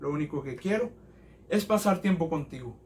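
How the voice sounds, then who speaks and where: A preacher voicing a pleading young son. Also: male voice, fairly high pitch, animated, normal speed, darkish tone, a little hiss or hum, close to an everyday voice.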